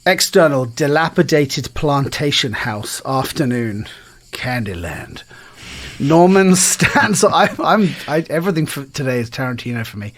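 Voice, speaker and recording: A man's voice: mid-range voice, expressive, unhurried, a bit bright. A man co-hosting a podcast, chatting casually and reading a screenplay aloud, joking and laughing often. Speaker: podcast co-host.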